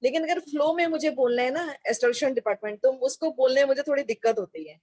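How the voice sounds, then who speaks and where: A woman's voice: high-pitched, fast talker, warm tone, no room sound. An office worker, a woman, explaining things carefully in a casual group discussion.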